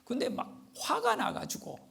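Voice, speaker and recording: A man's voice: a little slow, fairly bright tone. A man preaching a sermon as pastor, asking rhetorical questions and answering them himself, with personal stories woven in. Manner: tells personal anecdotes. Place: church.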